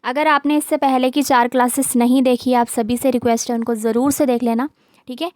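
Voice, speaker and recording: A woman's voice: high-pitched, fairly even intonation, a little fast, dry recording. A woman giving an online exam-prep lesson, reading out word lists and their meanings, often checking in with "theek hai". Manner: reads terms aloud, mixes English words into Hindi. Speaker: teacher.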